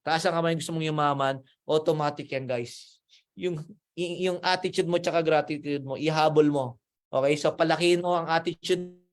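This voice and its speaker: A man giving a motivational talk to a group as a financial mentor, animated and acting out little scenes in higher voices. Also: normal speed. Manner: animated, acts out gossiping voices at higher pitch.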